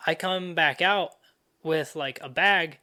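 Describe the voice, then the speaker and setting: A man's voice: on the high side, slow pace, sharp tone. A young man hosting a podcast, telling a story in a loose, profane, casual way full of fillers. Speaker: podcast host.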